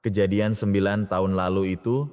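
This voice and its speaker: A man's voice: sits low, little pitch movement, moderate pace, a little mellow, clean tone, natural voice. Man playing a cold, protective young husband. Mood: cold firm. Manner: cold, firm. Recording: long reverb.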